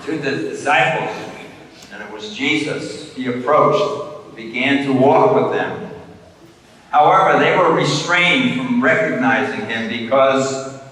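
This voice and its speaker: A man, a deacon, retelling a gospel story for children in a slow, mock-confused way. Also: medium pitch, fairly bright tone. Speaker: deacon giving a homily. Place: church during Mass. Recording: distant voice in an echoey church.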